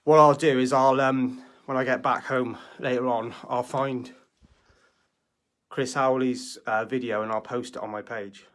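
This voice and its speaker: Sceptical man with a mid-pitched voice. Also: steady tone, a little slow, a bit bright. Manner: conversational, sceptical. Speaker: ghost hunter live-streamer. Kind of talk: casual explanatory live-stream chat.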